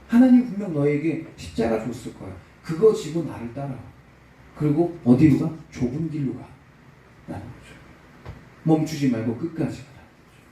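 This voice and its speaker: Korean pastor preaching in an echoey hall. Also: male voice, mid-range voice, dark tone, recorded from a distance. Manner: storytelling with acted-out quotes, rising to emphatic peaks. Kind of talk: sermon. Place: church sanctuary.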